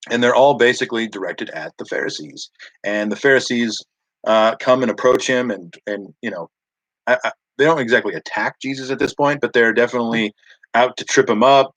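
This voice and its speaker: A man leading a youth group devotional, talking in a casual, halting way with many restarts. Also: medium pitch, fairly bright tone, no room sound, low-quality recording. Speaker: youth pastor. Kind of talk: informal devotional talk.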